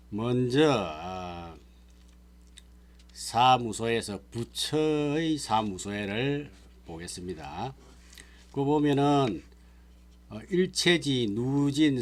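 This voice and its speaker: Man of middle pitch as a monk teaching a sutra class; patient, term-by-term explanation. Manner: explains terms one by one, checks with listeners. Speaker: Buddhist monk lecturer. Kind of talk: sutra lecture.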